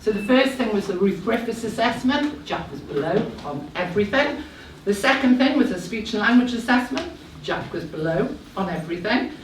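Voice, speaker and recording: Speaking to a live audience, a woman in her thirties shares a personal story in a chatty, slightly nervous way, with self-deprecating remarks along the way. Her medium-pitched voice is expressive and moderately paced with hardly any pauses, picked up from afar in an echoey room over faint background noise.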